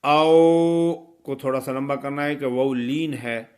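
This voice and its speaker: A man giving a tajweed lesson, explaining pronunciation rules and reciting verses slowly and melodically to show them. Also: mid-range voice, little pitch movement, soft background music. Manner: imitates common mistakes to correct them. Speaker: Quran recitation teacher.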